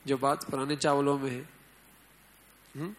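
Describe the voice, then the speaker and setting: A man's voice: mid-range voice, level tone, rough recording. A man preaching an Islamic sermon in a conversational way, often asking the listeners and acting out quoted lines with stress. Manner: conversational, asks the audience often.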